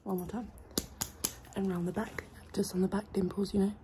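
A woman in her twenties doing an ASMR role-play as a medical attendant, close to the mic, giving brisk, bossy, clipped instructions. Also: medium pitch, flat delivery, mellow, a little hiss or hum. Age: 20s. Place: small room indoors by an open window. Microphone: close to the mic, leaning over the camera.

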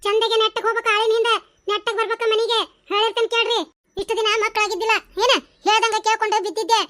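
A woman voicing a sharp-tongued village landlord's wife in a cartoon, scolding and bossy, with a North Karnataka Kannada accent. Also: extremely high pitch, little pitch movement. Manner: scolding, bossy, quick retorts. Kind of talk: cartoon voice acting.

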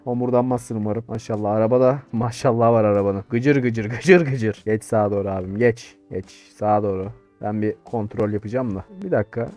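A man's voice: on the low side, fairly even intonation, brisk, few pauses, dry recording, soft background music. A young man, commentating a game, talking back to the characters and getting short-tempered. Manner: talks to game characters, grows irritated and shouts insults. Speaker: gaming YouTuber. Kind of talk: casual gameplay commentary.

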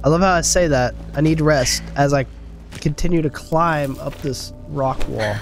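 A man's voice: a little high, moderate pace, vocal fry, faint music behind. A man casually commenting on a game he is playing, with laid-back, joking asides into his desk mic. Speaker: gaming streamer. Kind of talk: casual let's-play commentary.

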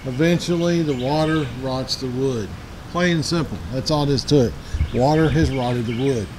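A man's voice: mid-range voice, normal speed, background noise. A man in his forties giving a rambling, plainspoken tour of his backyard, recorded outdoors on a handheld camera. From Middle Tennessee. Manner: rambling and plainspoken, self-correcting. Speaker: outdoors channel host. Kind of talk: casual walkthrough vlog.

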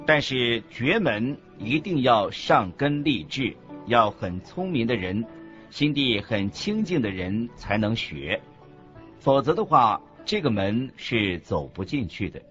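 A male narrator with a medium-pitched, animated voice speaks slowly on a Buddhist teaching radio program. His delivery is scripted and didactic, and the audio is muffled and lo-fi, with background music running underneath.

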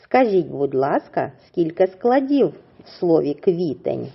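A woman teacher with a husky voice, giving a slow, clearly enunciated reading lesson to young children and drawing out words syllable by syllable. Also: fairly low pitch, very animated, lo-fi sound. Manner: syllable-by-syllable drawn-out pronunciation, encouraging. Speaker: primary school teacher.

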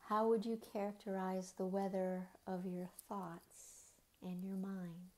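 A woman leading a guided body scan meditation in a gentle, unhurried manner, with soft, breathy phrase endings and long pauses between short phrases. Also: medium pitch, little pitch movement.

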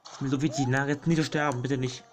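A young man giving casual commentary over a platform game, fretting aloud, pleading, and yelling at enemies. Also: mid-range voice, fast. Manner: excitable, frets and shouts at enemies. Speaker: gaming YouTuber. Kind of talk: casual let's play commentary. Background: game music.

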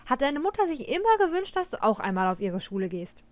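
A woman's voice: sits high, brisk, no room sound. A woman voicing a stern middle-aged father who speaks firmly and with authority in a read-aloud story. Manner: firm, final, calmly authoritative.

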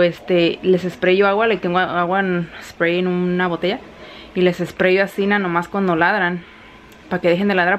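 A woman in her thirties with a Mexican accent, chatting casually in a home vlog, often laughing and mixing in English phrases. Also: mid-range voice. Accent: Mexican Spanish. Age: 30s. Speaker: vlogger. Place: home kitchen while cooking.

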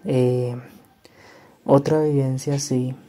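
Flat, very dark-voiced doctor. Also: male voice, mid-range voice, slow. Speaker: doctor, guest. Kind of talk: recounting personal hospital stories.

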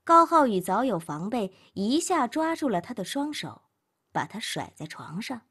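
A woman reads a novel aloud as an audiobook narrator. Her voice sits fairly high with a slight huskiness, and her delivery rises and falls expressively. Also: normal speed, slightly rough. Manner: expressive storytelling.

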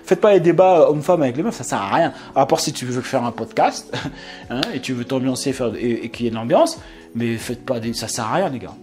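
A man's voice: medium pitch, a little fast, faint music behind. A man, talking casually to his viewers, acting out little exchanges and laughing often. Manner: animated, acts out quoted voices, laughs often. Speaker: YouTube channel host. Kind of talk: casual monologue to camera.

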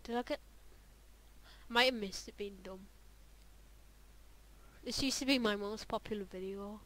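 A woman's voice: medium pitch, moderate pace, fairly bright tone, low-quality recording. Rambling young woman doing a reaction vlog. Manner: rambling, hesitant, lots of fillers and trailing off. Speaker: YouTuber reacting to her old videos. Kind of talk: casual reaction vlog commentary.

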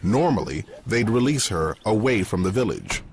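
Low-voiced man narrating a nature documentary. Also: big pitch swings, moderate pace, background noise. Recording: music bed under the narration. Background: background music.

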